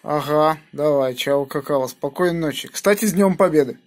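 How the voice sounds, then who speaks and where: This is a man's voice on the high side, at a moderate pace, with a noisy background. He's an amateur radio operator talking casually on air with call signs, recorded indoors on a phone held near the radio in a small home station room.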